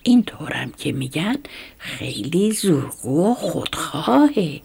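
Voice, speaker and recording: A woman's voice: low voice, big pitch swings, gravelly, warm tone, slightly rough, full character voice. Woman whispering as an older resigned mouse. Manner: resigned, advising. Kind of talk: whispered role-play.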